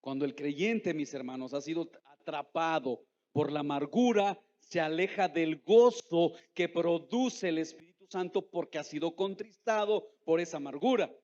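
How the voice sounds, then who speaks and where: A pastor delivers an emphatic sermon in a fairly high male voice, firing questions at the congregation and drawing out words he wants to land. The sound is dull and lo-fi, with a long church reverb trailing behind him. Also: a little mellow. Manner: slows down to stress key words. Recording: echoey hall, dull lo-fi sound.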